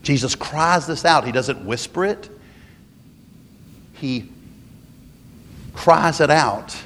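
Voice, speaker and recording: A man preaching a sermon with an emphatic delivery, often pausing and restarting phrases. His voice sits a little high for a man. A long reverb trails each phrase, as in a large church hall. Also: animated, fairly bright tone. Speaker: pastor.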